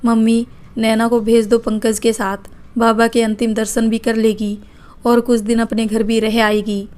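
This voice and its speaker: A woman's voice: a little high, flat delivery, a little slow, darkish tone, natural voice. A woman voicing an outspoken, caring elder sister-in-law in a read-aloud family story. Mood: gentle. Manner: firm, reproachful.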